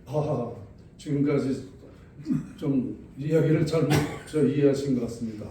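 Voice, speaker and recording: A man's voice: mid-range voice, unhurried. An older man giving assertive, insistent answers as a lecturer in a question-and-answer session. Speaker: feng shui lecturer. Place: large echoey room with an audience. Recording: very echoey hall, distant mic, faint noise.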